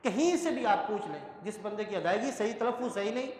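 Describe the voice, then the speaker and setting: A man teaching Quran pronunciation in a classroom lesson, spelling out syllables slowly and often asking whether the class understands. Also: high-pitched, animated. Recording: echoey hall.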